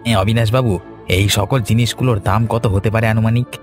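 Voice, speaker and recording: A man playing a greedy fast-talking accomplice. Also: on the low side, close to an everyday voice. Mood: excited. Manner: eager, excited, fawning. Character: greedy excitable male accomplice, crooked buyer. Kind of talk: animated cartoon voice acting. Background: faint music.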